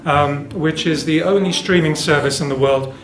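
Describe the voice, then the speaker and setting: Speaking at a moderate pace in a voice a little on the high side, a man demonstrates hi-fi products as an exhibitor. He goes through technical points informally and in detail, inside a roomy show demo room where music is playing.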